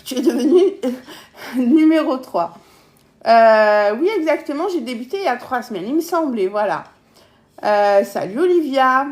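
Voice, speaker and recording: Her high voice is lively in intonation yet darkish in tone, and she takes her time. Hailing from southern France with the accent to match, she runs a relaxed cooking live stream from her home kitchen, talking with viewers and laughing frequently.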